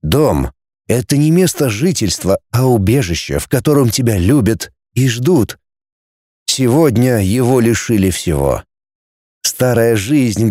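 A man reading a story aloud as an audiobook narrator, in an expressive storytelling manner. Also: mid-range voice, no echo, clean studio sound. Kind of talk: scripted narration.

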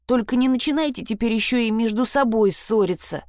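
A woman's voice: a little high, brisk, darkish tone, no echo, studio quality, voice pushed up, natural voice. A woman voicing a tearful, sniffling teenage girl pleading with her friends in a storybook reading. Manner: weepy, pleading.

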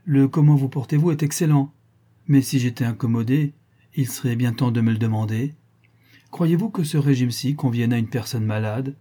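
A man's voice: mid-range voice, moderate pace, warm tone, husky, lightly acted. A man reading an audiobook and voicing a playful, coquettish aristocratic lady who teases her young lover. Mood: teasing. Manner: playful, coquettish, lightly mocking. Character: teasing amorous aristocratic lady, older lover.

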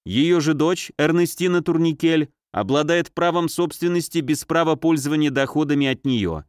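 A man voicing a sly notary who reads out a will in a measured, official manner. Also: fairly high pitch, clean tone, no room sound, studio quality, natural voice. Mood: formal.

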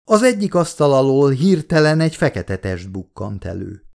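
A man reads an audiobook aloud in a measured, steady way. His voice sits at an ordinary middle pitch. His reading lifts as the story gets tense. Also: creaky. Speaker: audiobook narrator. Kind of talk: scripted narration.

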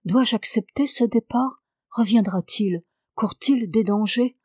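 A woman's voice: fairly high pitch, takes it slowly, a little mellow, slightly rough, no room sound, studio quality. A woman reading the lines of an older gray-haired lady who pleads urgently. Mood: pleading.

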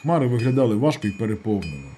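A man reading a first-person novel aloud as an audiobook, calm and measured. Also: fairly low pitch, a little hiss or hum. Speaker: audiobook narrator.

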